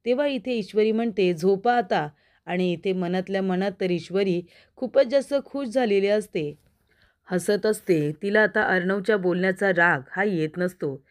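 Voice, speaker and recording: A woman recaps a serial episode in a steady, storytelling voice at a middle pitch. She speaks to her viewers directly and moves the story along evenly. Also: normal speed. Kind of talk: scripted story recap narration.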